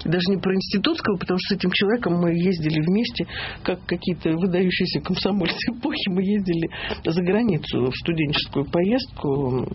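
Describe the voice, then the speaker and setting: A woman's voice: lowish voice, lively intonation, brisk, lo-fi sound, slight background noise. A woman from the Kemerovo region, a TV presenter, telling her story with confidence as an interview guest. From Kemerovo region, Russia.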